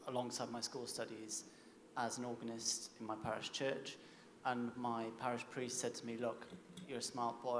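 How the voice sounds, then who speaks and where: A man, giving a reflective, hesitant personal talk on an informal panel. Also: medium pitch. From South Wales. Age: 20s. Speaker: panel speaker, recent music graduate. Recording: echoey hall, long reverb, faint noise.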